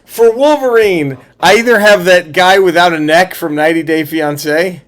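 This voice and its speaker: A man co-hosting a casual comedy podcast, giggly and animated. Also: sits high, moderate pace. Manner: giggly and animated, laughs a lot. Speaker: podcast co-host.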